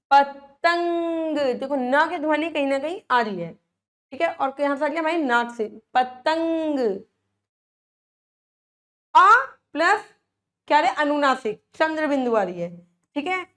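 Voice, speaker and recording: A woman teaching a Hindi lesson to young children, patiently checking in with questions and stretching out words to model how they sound. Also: sits high. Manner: draws out words slowly to model pronunciation.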